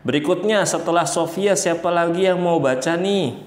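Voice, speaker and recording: Speaking directly to young children, a man teaches them about the Quran playfully and acts out examples. His voice is high, at a normal speed, and the room has a roomy echo.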